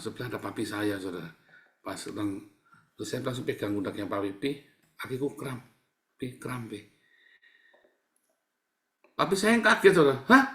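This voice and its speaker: A male pastor delivering a sermon, swinging from loud acted-out cries to soft, quiet asides. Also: on the low side, creaky. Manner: animated preaching, swings between loud and soft, acts out cries. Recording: echoey church hall.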